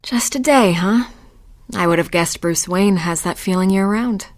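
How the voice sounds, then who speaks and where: With a natural, mid-range voice and a slightly slow pace, a video game voice actress performs conversational lines as a flirtatious society party guest. She comes across wry, teasing, and knowing.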